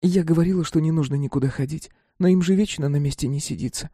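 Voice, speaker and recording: A man voicing a quiet, shaken teenage girl who speaks softly in an audiobook. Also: fairly high pitch, quick pace, breathy edge, no echo, studio quality, pitched above the performer's own voice. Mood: subdued. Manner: soft and subdued.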